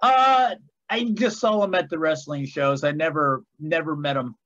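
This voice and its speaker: A man in his fifties joins as a podcast guest, telling stories in an easygoing, folksy way with plenty of hesitant pauses. His voice is fairly high, and it comes through slightly dull and muffled over a call. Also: a bit bright. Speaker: author and guest. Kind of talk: casual interview chat.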